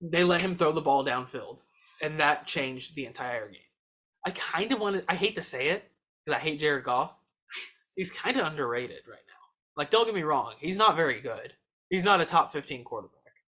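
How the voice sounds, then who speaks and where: A young man co-hosting a podcast, talking sports in a fast, excitable, emphatic way. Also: fairly high pitch. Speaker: podcast co-host. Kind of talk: casual sports chat.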